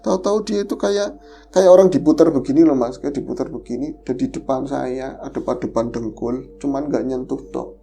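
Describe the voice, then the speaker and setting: A man tells a personal horror experience as a podcast guest. He retells it in a lively, fearful way. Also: mid-range voice, a little fast, vocal fry. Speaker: guest storyteller.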